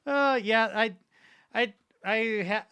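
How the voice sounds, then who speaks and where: Bright, clear-voiced male streamer. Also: sits high, slow pace. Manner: joking, self-mocking, rambling. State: slight wheeze. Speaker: streamer reacting to videos. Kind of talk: casual stream chat.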